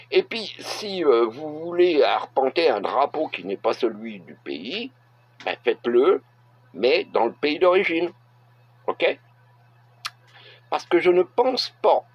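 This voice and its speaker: A middle-aged man from France, giving a blunt opinion monologue to camera and pausing often to hesitate. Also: mid-range voice. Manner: blunt, halting with frequent filler hesitations. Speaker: vlogger. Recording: dull lo-fi recording.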